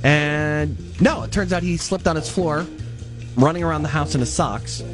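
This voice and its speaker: A man's voice: on the high side, normal speed, music in the background. A man co-hosting a morning radio show, joking around and rambling through celebrity stories.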